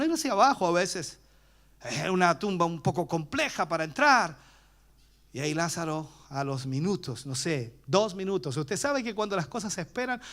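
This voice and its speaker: A man with a Chilean accent preaches in a church, his voice pitched high and ranging widely as he tells the story. He swings from loud cries down to hushed whispers. He acts out the voices of the people in it as he goes. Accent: Chilean Spanish. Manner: acts out bystanders' voices while retelling. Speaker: pastor. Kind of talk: preached sermon.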